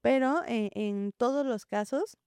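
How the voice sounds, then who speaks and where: A woman, a preschool teacher, explaining gently in an interview and acting out what children and teachers say. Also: fairly high pitch, a little slow, smooth, no room sound, studio quality. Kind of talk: interview answer, calm explaining.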